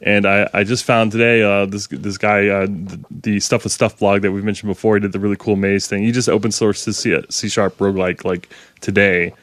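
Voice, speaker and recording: A man co-hosting a casual programming podcast, talking in a hesitant way with many filler pauses. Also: on the low side, little pitch movement, fairly bright tone, no echo. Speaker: podcast co-host. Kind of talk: casual tech podcast chat.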